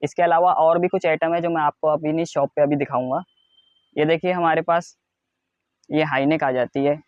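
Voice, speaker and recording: An Indian man giving a product showcase as a wholesale seller, in a repetitive, insistent sales pitch that stresses low prices. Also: fairly even intonation, normal speed, no echo, dull audio. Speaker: wholesale clothing seller presenting stock.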